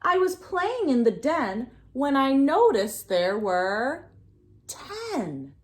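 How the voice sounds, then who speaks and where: Her voice sitting high, a woman gives an expressive, sing-song picture-book reading for young children, pausing now and then to prompt them.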